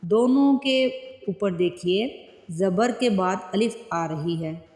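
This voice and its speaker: A woman teaching Quran tajweed word by word, explaining each rule plainly and then reciting the words slowly with long drawn-out vowels. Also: mid-range voice, darkish tone. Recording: echoey room with long reverb.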